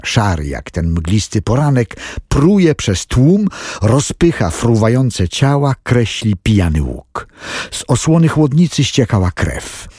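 A man reading a thriller audiobook as scripted narration, telling the story dramatically in a husky voice. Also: warm tone, no echo, studio quality. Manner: dramatic storytelling with wide swings in pitch.

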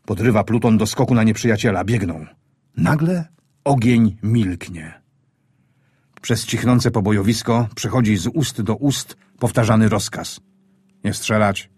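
A man reading a wartime story aloud in a grave, measured, tense manner. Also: fairly low pitch, a little mellow, slightly rough, dry recording, clean studio sound. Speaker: audiobook narrator. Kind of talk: scripted wartime story narration.

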